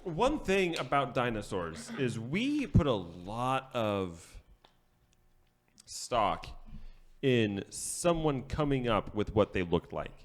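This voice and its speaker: A man's voice: medium pitch, big pitch swings, slow pace. A man co-hosting a podcast, talking casually and explaining with confident asides. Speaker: podcast co-host. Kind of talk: casual chat. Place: podcast studio.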